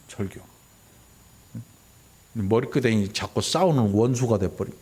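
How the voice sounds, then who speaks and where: Middle-aged male pastor, conversational sermon delivery, checks in with the congregation, acts out quoted lines with big pitch jumps. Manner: conversational preaching, constantly asking the congregation "응?". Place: church sanctuary.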